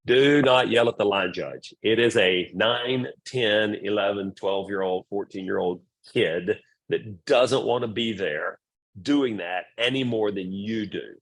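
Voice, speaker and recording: A man's voice: fairly low pitch, unhurried, vocal fry. A middle-aged man presenting to volleyball parents, blunt and repetitive, acting out quoted remarks. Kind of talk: parent orientation talk.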